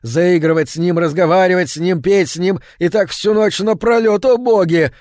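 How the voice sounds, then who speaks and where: A man's voice: on the high side, lively intonation, moderate pace, no echo, clean studio sound, close to an everyday voice. A man playing a jealous, furious Martian husband. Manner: loud, stern, raising his voice.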